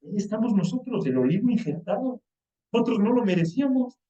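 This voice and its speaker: A man with a Mexican accent preaching a sermon in a colloquial, animated way, acting out the quoted lines. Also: high-pitched, quick pace. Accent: Mexican Spanish. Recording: echoey, distant, dull lo-fi sound.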